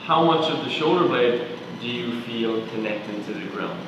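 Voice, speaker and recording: A man's voice: medium pitch, normal speed, gravelly, muffled recording, background noise. Man coaching a body scan, echoey hall. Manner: calm, questioning, step-by-step cues. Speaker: movement coach. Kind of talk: guided body scan instruction. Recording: echoey roomy sound from far off.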